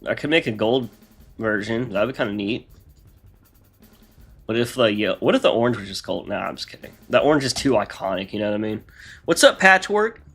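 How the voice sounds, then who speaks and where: A man's voice: lowish voice, expressive, a little fast, fairly bright tone, breathy edge, soft background music. A man with a congested, nasal voice, chatting casually on a live stream as he rambles through his modding work aloud.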